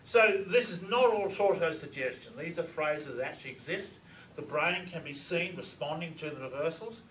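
A man giving a live seminar to an audience, animated, with pauses and asides. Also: on the high side, a little hiss or hum. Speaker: lecturer on reverse speech. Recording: roomy hall mic from far off, audience around.

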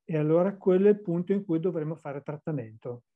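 A woman's voice: low voice, animated, quick pace, phone-quality sound. A woman interpreting a teacher's words into full sentences, with small restarts. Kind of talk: consecutive interpreting into Italian.

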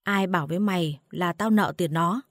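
Woman narrator voicing a bitter, bullying husband in a storybook reading; low, dry, harsh. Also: normal speed, a little mellow, no room sound, natural voice. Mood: accusing. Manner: harsh, scolding. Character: angry opium-addicted husband, abusive, suspicious.

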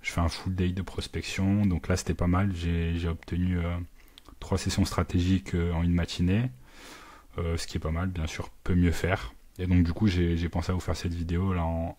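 A man's voice: deep voice, a little mellow. A man who runs a digital marketing agency, narrating his work live in a casual way, thinking aloud with many fillers and little sound words, and dropping English business terms into his talk. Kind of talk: live screen walkthrough, casual.

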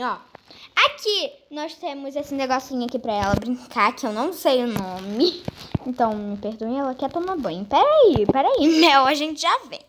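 Excitable girl touring her roblox house, high voice, chatty, bit of hiss. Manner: chatty and excitable, addresses viewers as "gente". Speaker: gaming vlogger. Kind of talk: casual game tour narration.

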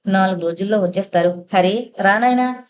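A woman voicing a motherly housewife who gently chides and fusses over her family. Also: mid-range voice, fairly quick, natural voice. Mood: fussing. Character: warm fussing elder sister and housewife.

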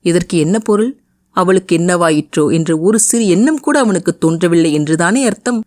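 A woman narrating a romance audio novel with an expressive, emotive reading. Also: lowish voice, moderate pace, dry recording, clean studio sound. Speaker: storyteller.

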